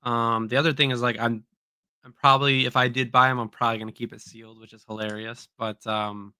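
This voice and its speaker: Hesitant, bright-voiced podcast co-host. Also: male voice, mid-range voice, flat delivery, fairly quick, clean tone, no echo, clean studio sound. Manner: hesitant, lots of ums and likes. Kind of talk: casual livestream podcast chat. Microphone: streaming mic.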